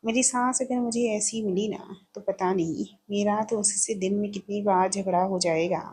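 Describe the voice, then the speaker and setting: A woman voicing an outspoken, quick-tempered young working woman who talks a lot when annoyed. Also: medium pitch, fairly even intonation, darkish tone, slightly rough, natural voice. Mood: teasing. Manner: chatty, quick-tempered, blunt.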